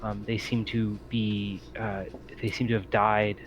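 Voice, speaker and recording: Narrating a tabletop roleplaying game as its game master, a man speaks in a fairly low, flat voice at a measured pace. His phrasing is tentative and fragmented, with many ums, and the recording is muffled and lo-fi with background noise.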